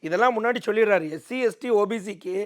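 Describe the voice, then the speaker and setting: A man with a gravelly voice making an emphatic, oratorical political argument as an interview guest, repeating phrases for effect. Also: high voice, fast. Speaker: political commentator, debate guest.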